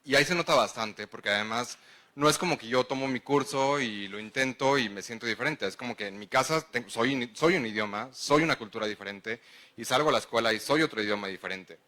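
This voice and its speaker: A man's voice: mid-range voice, brisk, pushed and bright. A man with a Mexican accent giving a public lecture, engaging the audience with questions. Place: lecture hall.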